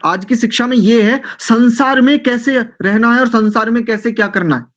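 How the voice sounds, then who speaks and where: Brief: male scripture teacher, high pitch, rhetorical lecture style, dull lo-fi recording. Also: normal speed, a bit bright. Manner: rhetorical, questioning, acts out quoted excuses. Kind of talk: Hindi religious lecture.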